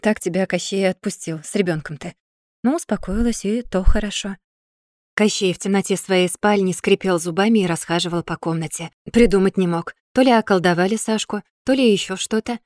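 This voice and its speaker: A woman narrating a fantasy audiobook in an even, measured storytelling manner. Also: medium pitch, no echo, clean studio sound. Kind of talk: scripted fairy-tale narration.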